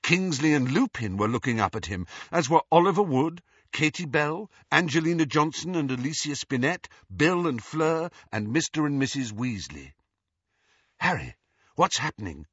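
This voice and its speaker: Man, audiobook narrator, expressive, husky voice, slightly raised pitch. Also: normal speed, hardly any pauses, no room sound. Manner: expressive, dramatic. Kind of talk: scripted narration. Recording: dull, dry audiobook recording.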